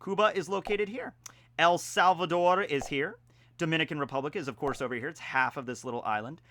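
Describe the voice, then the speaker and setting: A man talking casually in a home vlog, with playful mock-grandiose announcing, theatrical emphasis and drawn-out words. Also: a little high, pushed and bright, no room sound. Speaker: vlogger. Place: indoors at home.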